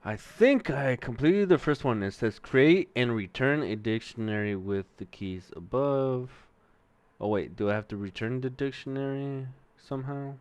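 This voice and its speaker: The young streamer, whose accent is Mexican-American, tackles coding exercises while swearing and rambling aloud as he types. His medium-pitched voice has lively intonation and a moderate pace, with a clean tone in a dry recording.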